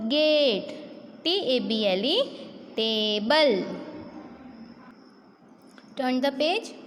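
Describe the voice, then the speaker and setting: A woman's voice: high-pitched, fairly bright tone, big-room sound, slight background noise. A woman with an Indian accent teaching a kindergarten phonics lesson, patiently spelling out letters and quizzing her pupils. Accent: Indian English.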